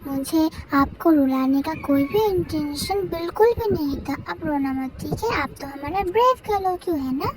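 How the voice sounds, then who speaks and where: A man's voice: very high voice, animated, moderate pace, hardly any pauses. A young man voicing a protective older-brother gang boss who soothes his little sister, in a fan story told over a windy phone recording. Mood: doting. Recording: windy outdoor noise from a main road.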